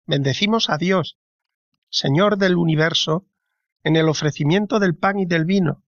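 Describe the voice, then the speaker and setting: A man co-hosting a radio program, reading a scripted spiritual reflection slowly and reverently. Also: a little high, dry recording, highs cut off. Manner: slow, reverent, deliberate reading. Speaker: radio co-host.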